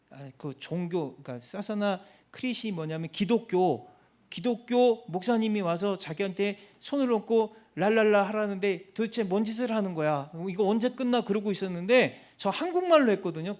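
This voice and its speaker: A man, a missionary, giving an animated church testimony and acting out the people in his story. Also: high-pitched. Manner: animated, acts out quoted people.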